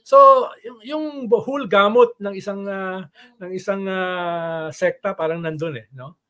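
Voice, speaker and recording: A man in casual political talk who tells stories with frequent tag questions and an animated delivery. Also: high-pitched, unhurried. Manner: animated, voice rises when quoting chants. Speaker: political commentator guest.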